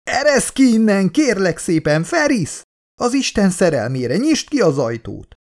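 A man's voice: sits high, sing-song, pitched above the performer's own voice. A man voicing a terrified woman scientist in an audiobook, pleading desperately. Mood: frantic pleading.

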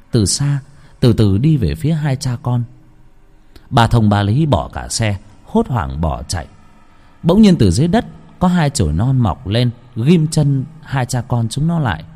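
Expressive man narrating a ghost story. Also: medium pitch. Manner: dramatic, expressive.

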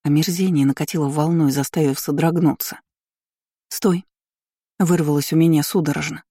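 Mellow-voiced woman reading a novel. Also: deep voice, fairly even intonation, fairly quick, slightly rough, dry recording, clean studio sound. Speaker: audiobook reader. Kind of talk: first-person novel narration.

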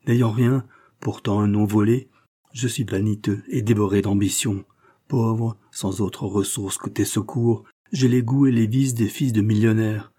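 A guilt-ridden young man pours out his confession to his mother with rising emotion, voiced by a male reader. His voice is dark and husky, sitting fairly low. An audiobook performance of a classic novel. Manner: emotional and self-accusing.

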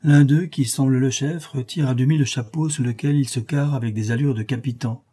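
A man narrating an adventure novel as an audiobook in a steady, dramatic storytelling manner. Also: mid-range voice, fairly quick, slightly rough.

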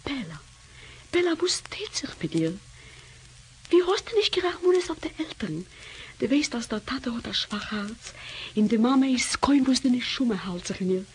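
Actress as anxious young sister, hushed urgent pleading, slightly high voice, old Yiddish radio drama, faint hiss. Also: female voice, moderate pace, natural voice, poor audio. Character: anxious young woman confronting her sister in secret.

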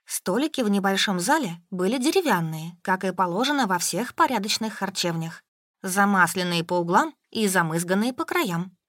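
Brief: woman audiobook narrator, mid-pitched, wry storytelling, dry studio mic. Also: expressive, normal speed, a bit bright, no room sound. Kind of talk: first-person audiobook narration.

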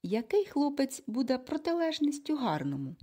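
A woman voicing a bossy, brisk adoptive mother in an audiobook, with an emphatic, commanding and impatient delivery. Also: high voice, very animated, warm tone, voice pushed up. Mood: forceful. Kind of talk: audiobook character reading.

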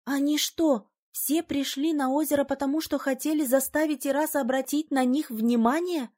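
A woman's voice: sits high, steady tone, normal speed, a little mellow, voice pushed up, close to an everyday voice. A woman voicing a frightened young female student asking in shock. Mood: horrified. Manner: shocked questioning.

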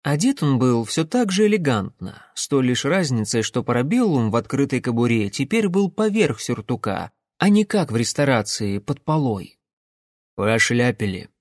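A man narrates an audiobook in a measured, expressive way. His voice sits at a middle pitch. The close studio recording is dry, with no room sound. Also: no echo.

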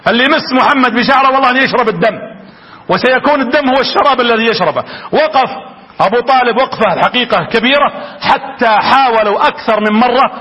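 A man's voice: very high voice, fast talker, sharp tone, dull audio. A man giving a fervent religious lecture, telling stories and speaking directly to his audience. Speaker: preacher.

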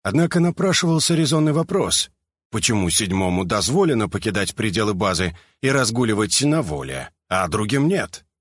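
Expressive, husky-voiced male audiobook narrator. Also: lowish voice, normal speed, no echo, clean studio sound. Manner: expressive storytelling.

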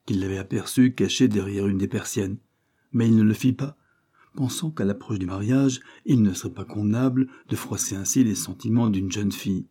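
A man reading an audiobook aloud in a measured, expressive way. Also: on the low side, slightly rough. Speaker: audiobook reader. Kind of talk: scripted narration.

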